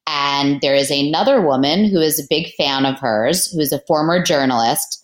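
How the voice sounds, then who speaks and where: A woman with a low, deep voice talks casually as a guest on a podcast, chatty and quick to laugh. Her voice carries the echo of a roomy space. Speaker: author guest.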